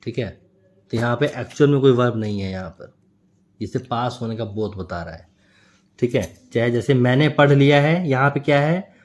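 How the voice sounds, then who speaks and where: A man's voice: mid-range voice, animated, moderate pace. A man teaching a grammar lesson, explaining step by step and often checking with a tag question.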